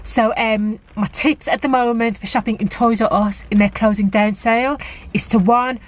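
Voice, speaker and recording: A woman's voice: a little high, steady tone, normal speed. A woman in a casual vlog, chatting to camera and giving practical tips with plenty of fillers. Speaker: vlogger. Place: car park outside a shop, rainy.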